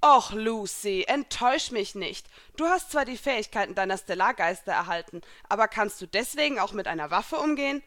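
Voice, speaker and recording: A woman voicing a stern, confident young woman warrior who taunts and commands in a raised, higher voice. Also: animated, brisk, few pauses, fairly bright tone, natural voice. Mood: fierce, taunting.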